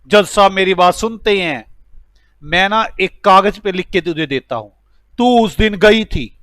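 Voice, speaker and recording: Self-assured notary uncle, acted by a male teacher, boastful and reassuring, high voice. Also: expressive, unhurried, fairly bright tone, dry recording, studio quality.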